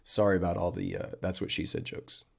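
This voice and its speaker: A deep-voiced man with a gravelly edge hosts a casual livestream from his desk mic. He talks to his viewers in a chatty, upbeat way and keeps calling them man and buddy. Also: big pitch swings, a little fast. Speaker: trading livestream host.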